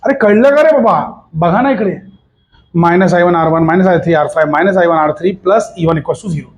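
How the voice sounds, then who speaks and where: High-voiced chatty physics teacher, man. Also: a little fast. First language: Hindi. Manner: chatty, coaxing, mixes Hindi with English and Marathi asides. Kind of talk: recorded online physics lesson.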